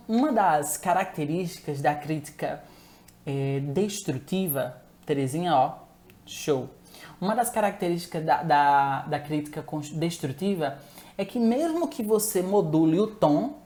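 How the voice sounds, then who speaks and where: A woman's voice: fairly low pitch, animated, unhurried, darkish tone. A woman giving a chatty live-streamed talk on relationships, asking viewers to answer and often correcting herself mid-sentence.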